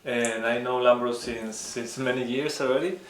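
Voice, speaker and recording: A man's voice: mid-range voice, steady tone, moderate pace, reverberant, slight background noise. A man from Mexico co-hosting a casual chat, telling stories in an easygoing way and laughing as he talks. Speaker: co-host.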